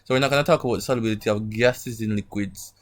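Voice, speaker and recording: A man's voice: fairly low pitch, very fast. A man teaching an online lesson informally, his speech slightly muffled by a sore mouth, often checking in with short tag questions. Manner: didactic, frequent check-in tags like "right?" and "okay?". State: sore mouth from an emerging wisdom tooth. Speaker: chemistry teacher. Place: online class over screen share.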